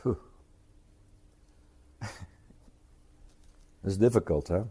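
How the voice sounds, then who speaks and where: A man in his seventies, an interview guest, speaking hesitantly with many pauses and tag questions. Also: low voice, warm tone, husky. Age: 70s. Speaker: interview guest, retired traveler. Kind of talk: casual conversational interview.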